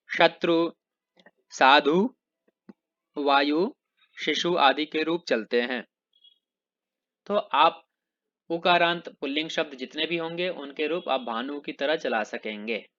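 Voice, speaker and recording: A man teaching Sanskrit grammar, slowly reciting word forms one by one and then explaining them in plain, simple terms. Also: a little high, a bit bright, lo-fi sound. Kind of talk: recorded grammar lesson.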